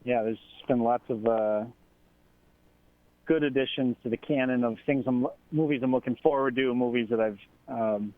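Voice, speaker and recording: A man calling in as a guest, his voice warbling and echoey as if inside a fishbowl, talking in a halting way as he searches for words. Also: medium pitch. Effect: warbling, echoey phone line, like talking inside a fishbowl. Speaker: call-in guest. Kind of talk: casual radio chat. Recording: tinny phone line.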